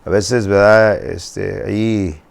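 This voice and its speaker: A man's voice: fairly low pitch, fairly even intonation, takes it slowly, creaky. An older man delivers a sermon as a pastor. He drives his points home with repeated questions and climbing, emphatic phrases. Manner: preaching with rising, emphatic repetitions.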